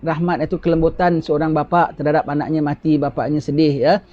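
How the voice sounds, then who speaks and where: A man's voice: fairly high pitch, little pitch movement, fairly quick. A man giving a religious lecture who explains patiently, repeats key phrases and asks rhetorical questions. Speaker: religious teacher. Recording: dull lo-fi recording.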